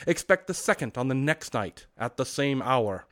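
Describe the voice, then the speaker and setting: A man voicing a tormented old male ghost, speaking loudly, slowly and with great solemnity. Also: medium pitch, sing-song, pitched above the performer's own voice, lightly acted. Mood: thundering. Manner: loud, slow, declamatory. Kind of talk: storybook reading.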